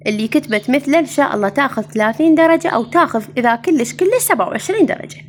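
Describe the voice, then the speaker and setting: A woman teacher with an Iraqi Arabic accent reviews exam answers in a somewhat high voice. She moves through each item patiently, asks her students questions and then answers them herself. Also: expressive, racing, a little hiss or hum. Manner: addresses students fondly as "mama".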